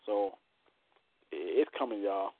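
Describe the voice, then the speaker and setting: A man's voice: on the low side, expressive, slow pace, slightly rough, no echo. A man hosting a live poetry show casually, with a playful, boastful, colloquial way of talking. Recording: tinny, narrow-band radio-like line.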